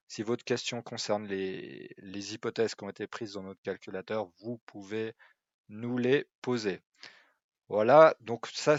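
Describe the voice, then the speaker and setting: A man's voice: mid-range voice, dry recording, dull audio. A man, walking through an online tool in a hesitant way, with many fillers and restarts. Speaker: website presenter. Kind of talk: screen-recorded tool walkthrough.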